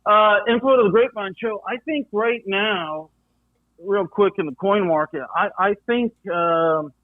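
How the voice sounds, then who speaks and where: A middle-aged man, a coin dealer guest, telling animated stories with lots of fillers and acted-out voices. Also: high-pitched, a little slow, no room sound. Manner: animated storyteller acting out voices, frequent fillers. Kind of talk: storytelling in casual interview. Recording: tinny phone-like dry line.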